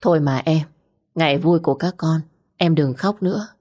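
Woman voicing a calm advising father. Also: deep voice. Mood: soothing. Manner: soothing, measured advice.

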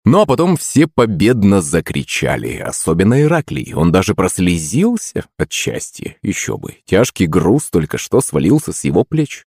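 A man's voice: low-pitched, sing-song, normal speed, hardly any pauses, darkish tone, slightly rough, no room sound, studio quality. A man narrating a first-person audiobook.

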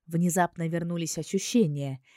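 A woman narrating a fantasy novel in the first person, reading calmly and expressively. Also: on the low side, normal speed, no room sound, studio quality. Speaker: audiobook narrator.

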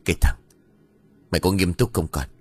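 Gruff old father voiced by a man, very deep, husky, weary scolding. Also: brisk. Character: grieving older father, gruff yet tender.

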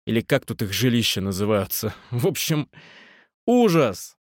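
A man's voice: medium pitch, big pitch swings, moderate pace, no room sound, studio quality. A man narrating a novel in the first person, theatrical and rising to indignant outbursts in his hero's lines. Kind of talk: audiobook narration of a romance novel.

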